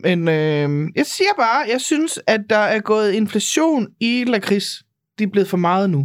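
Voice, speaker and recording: A woman's voice: medium pitch, expressive, no echo, clean studio sound. A woman with a North Jutlandic Danish accent, co-hosting a podcast in casual chat and protesting her opinions emphatically. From North Jutland, Denmark. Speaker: podcast co-host.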